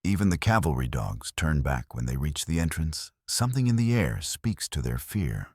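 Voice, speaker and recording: Man doing stern old Apache elder, very deep voice, grave measured speech, dry close sound. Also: sing-song, dry recording, heavily acted.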